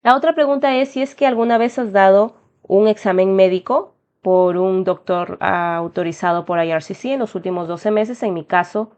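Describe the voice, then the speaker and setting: A young adult woman from Peru talks at normal speed with barely a pause, her mid-range voice dark yet clean and marked by a Peruvian Spanish accent. Hosting an immigration tutorial, she explains an application form step by step in a friendly manner and addresses viewers as "chicos." The recording has a slightly dull lo-fi quality.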